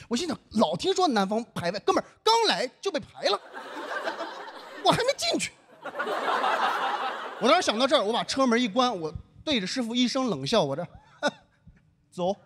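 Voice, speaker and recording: A young man from northern China telling a stand-up comedy story, acting out the dialogue with lively delivery. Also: extremely high pitch, heavy background noise.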